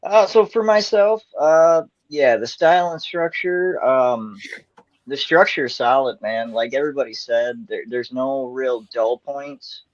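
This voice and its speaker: A man's voice: mid-range voice, unhurried, no echo, highs cut off. A man on a casual movie review panel, easygoing, with many fillers. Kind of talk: casual live-stream chat.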